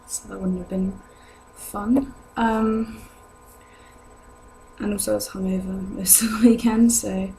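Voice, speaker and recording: Ill with a sore throat, this young British woman sounds lower than normal, with a medium-pitched, creaky, flat voice at a measured pace. She answers viewers' questions to camera in a rambling, hesitant vlog, recorded noisily at home with hum.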